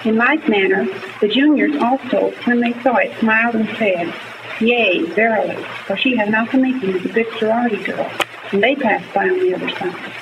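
A woman's voice: mid-range voice, normal speed, vocal fry. Young woman, student, careful formal elocution, old gramophone disc, muffled tone, heavy surface hiss. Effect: played from an old 1939 gramophone disc. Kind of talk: formal reading aloud for a class. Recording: noisy, muffled old disc recording from far off.

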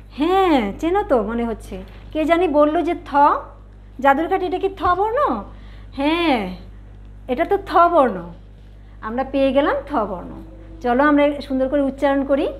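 Bangladeshi lady teacher, high voice, asks the kids lots of questions, slow and coaxing. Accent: Bangladeshi Bengali. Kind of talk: children's alphabet lesson.

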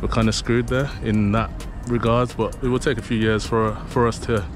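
A man's voice: medium pitch, flat delivery, normal speed, music in the background. A man walking through a city centre outdoors, chatting to his viewers in a rambling, casual vlog with lots of fillers, recorded on a handheld camera. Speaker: vlogger. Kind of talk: casual walk-and-talk vlog.

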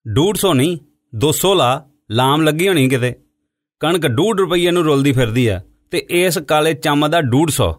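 A man's voice: medium pitch, big pitch swings, a little fast. A man voicing a scornful, needling male cattle dealer in an audiobook.

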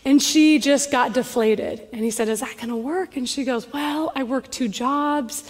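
Bright-voiced woman preaching in a reverberant hall. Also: sits high, moderate pace. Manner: storytelling, animated. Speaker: pastor. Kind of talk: sermon. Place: large church hall. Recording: long reverb of a church hall.

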